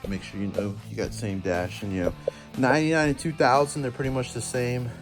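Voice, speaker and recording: A man's voice: mid-range voice, brisk. A man giving a casual, slangy how-to walkthrough while working on a truck, talking to his viewers like buddies. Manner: laid-back and slangy, calls viewers "boys". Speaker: DIY truck repair vlogger. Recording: clear guitar music under voice.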